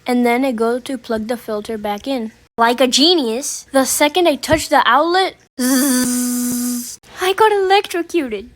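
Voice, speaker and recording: High, self-mocking young woman storyteller. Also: normal speed, few pauses. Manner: animated, self-mocking, acts out quotes. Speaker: storytelling animator. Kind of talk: comedic storytime narration.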